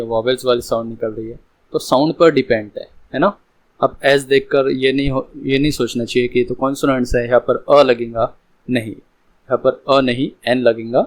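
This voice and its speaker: A man teaching English grammar in a lesson, explaining slowly and repeating each example. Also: medium pitch, poor audio.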